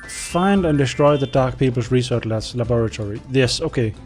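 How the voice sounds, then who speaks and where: A young man, a native Danish speaker, gives laid-back commentary while playing a strategy game, voicing his thoughts and talking to his units. His medium-pitched voice has a darkish tone at a normal speed, and faint music plays behind him.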